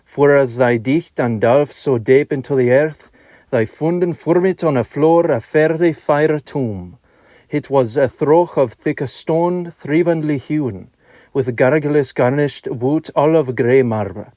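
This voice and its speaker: A man's voice: on the high side, measured pace, dark tone, no echo. Man reciting medieval verse, dry close sound. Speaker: reader of a medieval poem. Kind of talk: recitation of alliterative Middle English verse.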